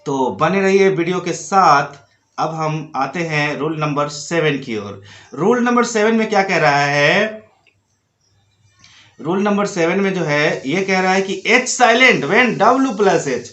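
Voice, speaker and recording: A man's voice: high voice, expressive, takes it slowly, fairly bright tone, echoey room. A man teaching an English pronunciation lesson, explaining step by step and asking his students direct questions.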